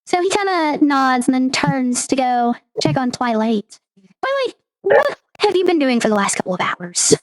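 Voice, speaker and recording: A woman's voice: sits high, expressive, moderate pace, dry recording, rough recording. A woman game master narrating a tabletop roleplaying game in a descriptive, scene-setting way.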